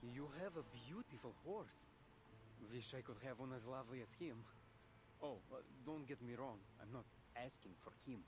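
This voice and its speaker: An actor playing a gentle, humble young farmer turned army recruit in a video game. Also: male voice, mid-range voice, expressive, moderate pace, noisy background, close to an everyday voice. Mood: kind, humble. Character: earnest, generous young farmer man, new army recruit.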